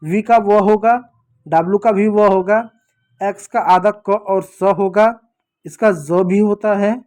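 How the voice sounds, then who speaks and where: A man's voice: high voice, a little mellow. A man teaching children English phonics in a classroom lesson, patiently repeating sounds and asking questions that he then answers himself.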